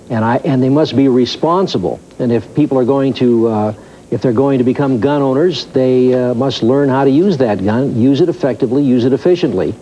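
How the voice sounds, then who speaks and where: A man's voice: medium pitch, mellow. A man who hosts a radio talk show, answering interview questions earnestly, with restarts and repeated words. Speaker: radio talk show host, studio guest. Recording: muffled lo-fi 1990s TV audio, faint hiss.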